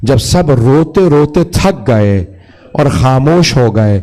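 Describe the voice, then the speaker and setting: A man preaching a mourning sermon, reciting a slow, chanting lament that swells into cries. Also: mid-range voice, lively intonation, mellow. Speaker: cleric reciting a majlis.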